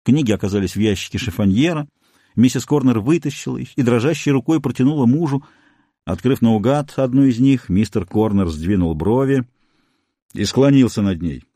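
A man narrating a story as an audiobook in an expressive storytelling manner. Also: medium pitch, moderate pace, no echo, clean studio sound.

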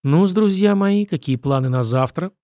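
A man's voice: sits high, expressive, dark tone, no room sound, clean studio sound, pitched above the performer's own voice. A man reading the part of a witty, easygoing young prince with a wry manner. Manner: wry, quick-witted.

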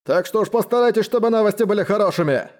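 A man voicing a burly, hungover count who bellows gruffly and commandingly in an audiobook. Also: fairly high pitch, very animated, brisk, a little mellow, voice pushed up. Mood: bellowing. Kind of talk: audiobook character voice.

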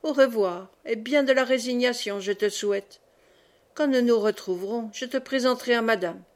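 A woman's voice: fairly high pitch, moderate pace, natural voice. A woman voicing a sly, mocking male knight in a read-aloud novel, with a sneering, self-satisfied manner.

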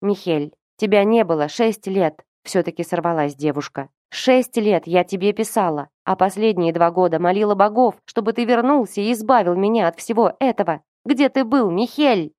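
A woman voicing a desperate teenage girl who pleads and breaks into shrill cries. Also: moderate pace, hardly any pauses, a little mellow, dry recording, clean studio sound, close to an everyday voice. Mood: pleading.

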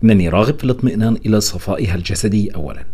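A man reading the lines of an older, probing Russian professor in a narrated story, with measured, inquisitive speech. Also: fairly low pitch, dark tone, husky. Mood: businesslike.

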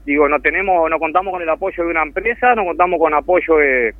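Fast and fairly high-pitched, the man talks earnestly and at length with a Uruguayan Spanish accent, heartfelt and rambling. He's a charity volunteer calling in to a casual radio interview over the phone. The line is tinny and dry, with no room sound.

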